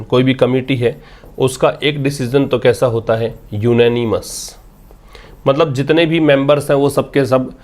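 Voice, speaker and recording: Man teaching English vocabulary. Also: mid-range voice. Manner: explains patiently, repeats key words, asks and answers his own questions. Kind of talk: vocabulary lesson explaining a newspaper article.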